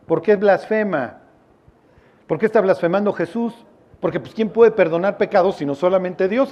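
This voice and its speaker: A man's voice: high-pitched, warm tone. A man with a Mexican accent preaching a sermon as a pastor, in a casual, joking, storytelling way with slang.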